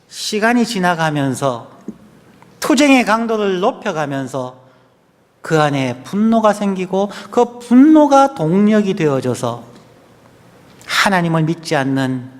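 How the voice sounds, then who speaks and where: In a church sanctuary with long hall reverb, a high-pitched male pastor preaches an earnest sermon. His delivery rises and falls between loud, forceful stresses and soft, near-whispered phrases.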